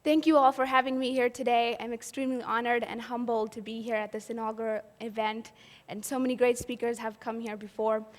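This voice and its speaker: A woman from Pakistan gives an earnest personal storytelling talk at an event in a hall, asking the audience rhetorical questions. Her voice is on the high side and level, fairly quick with few pauses, and long hall reverb follows it.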